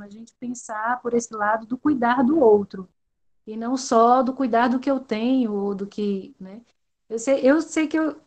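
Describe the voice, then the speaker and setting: Woman, higher voice, rambling and hesitant, speaking in an online class over a video call. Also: darkish tone. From Salvador, Brazil. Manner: rambling, hesitant, many fillers. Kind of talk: casual discussion in an online class.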